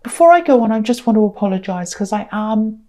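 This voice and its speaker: A woman giving a casual tarot reading to camera, unhurried and repetitive with many ums, tired and speaking through a sore throat. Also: mid-range voice, expressive, warm tone, slight background noise. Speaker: tarot reader.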